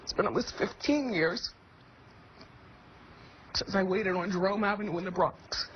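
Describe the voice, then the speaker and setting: A woman talk show host giving an earnest, measured personal testimony. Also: mid-range voice. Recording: dull muffled audio with faint noise.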